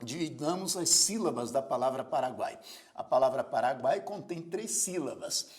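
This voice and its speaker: A man's voice: mid-range voice, expressive, moderate pace, darkish tone. A man teaching a grammar lesson, spelling words out syllable by syllable and telling students to observe. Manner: addresses students directly with repeated prompts to observe. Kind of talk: recorded video lesson.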